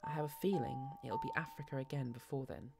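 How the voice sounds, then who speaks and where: A woman's voice: extremely low pitch, fast, gravelly, over music. A woman playing an exasperated, anxious wife and mother in a dramatic audio story. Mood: uneasy.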